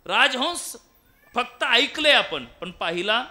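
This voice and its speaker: A man's voice: very high-pitched, lively intonation, takes it slowly, sharp tone. A man preaching a devotional kirtan, telling stories theatrically and breaking into sung refrains. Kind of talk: devotional sermon storytelling with song.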